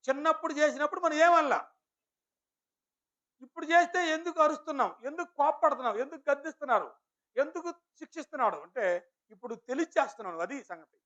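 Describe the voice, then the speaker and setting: A man's voice: extremely high pitch, sharp tone. A man preaching a sermon to a village church congregation, firing rhetorical questions at his listeners and addressing them politely. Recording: dull lo-fi recording.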